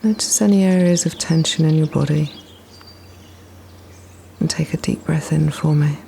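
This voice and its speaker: A woman leading a guided meditation in a soft, breathy, often near-whispered voice, soothing and gently instructing with unhurried pauses. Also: sits low, slight background noise. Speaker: guided relaxation practitioner.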